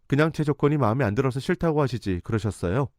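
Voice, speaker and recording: A man's voice: medium pitch, lively intonation, fast, a little mellow, no echo, clean studio sound, pitched above the performer's own voice, lightly acted. A man voicing an indignant young woman nurse who speaks sharply and defiantly.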